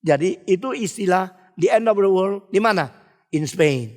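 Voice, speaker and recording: A man with a notably high voice preaches an expository sermon, telling stories emphatically and stopping often to ask rhetorical questions. His words ring out with a long reverb, as in a large hall. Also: animated, moderate pace. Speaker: pastor.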